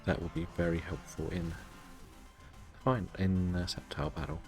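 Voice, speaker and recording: Low-voiced, low-key male game streamer. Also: steady tone, moderate pace, gravelly, faint music behind. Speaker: live-streaming gamer. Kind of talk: casual game stream commentary, chatting with viewers.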